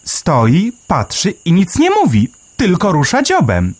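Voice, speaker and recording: A chirpy little sparrow. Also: male voice, measured pace, full character voice. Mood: eager. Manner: high, lively chirping delivery.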